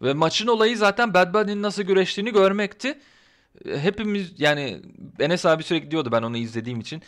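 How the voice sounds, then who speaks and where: A man giving his casual opinions in a vlog, talking in an excitable, ranting, colloquial way. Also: high-pitched, fast talker. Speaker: wrestling commentary vlogger.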